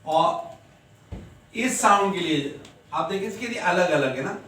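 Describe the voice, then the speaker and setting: Male teacher, unhurried and repetitive, drilling sounds; distant mic, roomy classroom echo. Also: high-pitched, expressive, bright, forceful tone. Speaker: English teacher. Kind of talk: classroom lesson. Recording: echoey room, distant mic.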